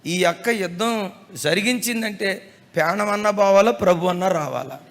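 In a hall full of echoing reverb, a high-voiced pastor delivers his sermon emphatically at a moderate pace. He repeats key phrases and slips in folksy humor.

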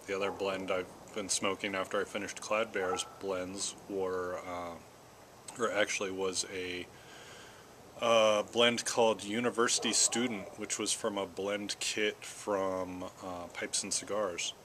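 A middle-aged American man vlogs outdoors in his backyard garden, rambling casually and alone to the camera, slow and halting, stopping to puff his pipe between phrases. He has a low voice with fairly even intonation. Clear outdoor noise is audible, with the camera at roughly arm's length or a little more.

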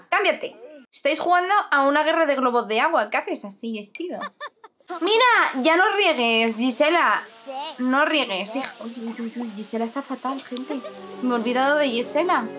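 High-voiced Spanish woman streamer. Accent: Spanish from Spain. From Spain. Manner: expressive, exclaiming, talks to her audience. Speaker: gaming streamer. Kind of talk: gaming commentary.

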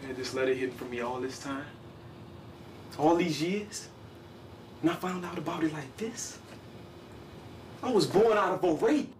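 A man's voice: a little high, normal speed, long pauses, a little mellow, roomy sound, a little hiss or hum, close to an everyday voice. An actor playing a bitter, confrontational young man who curses and lashes out, in an indie film drama. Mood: stunned. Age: young adult. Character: angry young man searching for his birth mother.

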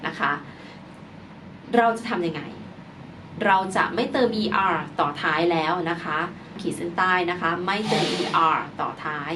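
A woman explains a grammar lesson in a patient, repetitive way, spelling words out letter by letter. She sounds a little distant from the microphone, and steady background noise is clearly audible. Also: lowish voice, moderate pace. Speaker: English teacher.

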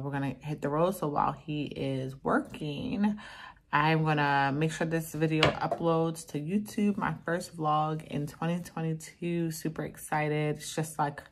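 Brief: thirties woman, deep voice, chatty vlogger talking to camera at home. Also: steady tone, unhurried. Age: 30s. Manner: chatty, talks straight to viewers. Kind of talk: casual vlog chat. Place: home room, indoors. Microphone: phone or camera at close range.

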